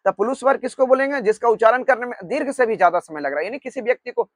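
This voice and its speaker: High-voiced man teaching grammar. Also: rapid-fire, no room sound. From Bihar, India. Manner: repeats "ठीक है" often, dictates notes word by word. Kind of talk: Hindi grammar lesson, explaining and dictating.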